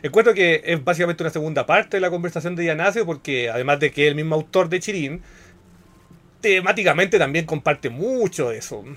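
Chilean male podcast host, thirties, slightly high voice, chatty and slangy. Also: expressive, a little fast, a bit bright. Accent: Chilean Spanish. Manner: chatty, slangy, explains at length. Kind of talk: casual podcast chat.

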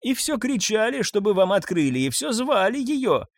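A woman's voice: mid-range voice, very animated, moderate pace, no echo, studio quality, pitched above the performer's own voice. A man voicing a frantic older mother, shrieking and tearful as she accuses a neighbour. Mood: accusing.

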